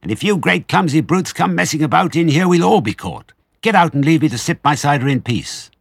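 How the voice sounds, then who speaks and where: A shrill, bad-tempered storybook rat, shrieking high and loud with indignation. It is quarrelsome and possessive, with a rough edge to the voice. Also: male voice, big pitch swings, fairly quick, no echo, studio quality, heavily acted. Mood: furious, territorial.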